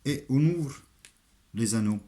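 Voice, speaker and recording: An Italian man speaking French with a foreign, Italian accent, giving a halting, step-by-step hands-on craft demonstration in simple, repeated phrases. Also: medium pitch, expressive, mellow. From Italy. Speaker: armourer giving a craft tutorial.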